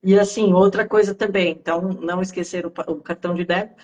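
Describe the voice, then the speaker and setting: A woman, speaking on a live-stream Q&A. Her voice sits a little low, and she talks loosely and conversationally, dropping filler tags as she goes. The sound comes over a remote call. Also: fairly even intonation, quick pace, darkish tone, low-quality recording. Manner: conversational, explanatory, many fillers like "né" and "tá". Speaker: guest speaker on Italian citizenship.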